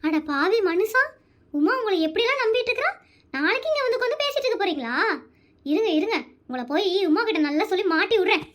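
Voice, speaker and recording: A woman's voice: very high-pitched, very animated, fast, fairly bright tone, heavily acted. A woman voicing a gossipy, nosy village woman in a cartoon, speaking. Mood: fussing, scandalized. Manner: chatty, exclaiming, busybody. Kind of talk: cartoon voice acting.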